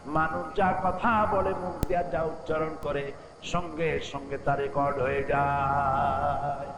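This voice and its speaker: A man preaching a waz sermon, putting questions to the crowd and chanting Quranic verses in a drawn-out melody. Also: on the high side, flat delivery, echoey room, noisy background. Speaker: Islamic preacher.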